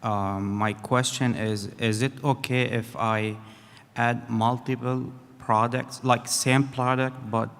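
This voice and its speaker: A man from Syria asks a panel a question, his non-native phrasing halting as he searches for words. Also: mid-range voice, level tone, a bit bright, clean tone. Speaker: audience member asking a question. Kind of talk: conference Q&A question. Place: large conference hall. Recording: reverberant conference hall.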